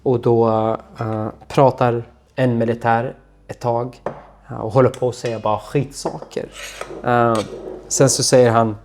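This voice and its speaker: A man, a guest telling his own story in an interview, speaking in a halting, quiet voice that often trails off. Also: mid-range voice, level tone, slight background noise. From Syria.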